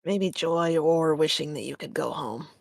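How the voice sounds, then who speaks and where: Low-voiced woman role-playing. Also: a little slow, gravelly, no room sound, studio quality. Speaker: tabletop role-play player. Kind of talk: in-character role-play, casual.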